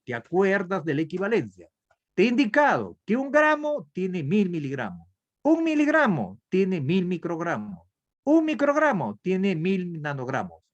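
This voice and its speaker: Slow, lively Peruvian teacher on a video call. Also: male voice, high-pitched. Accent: Peruvian Spanish. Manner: asks questions and answers them himself, step by step. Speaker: nursing instructor. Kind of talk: online class lecture.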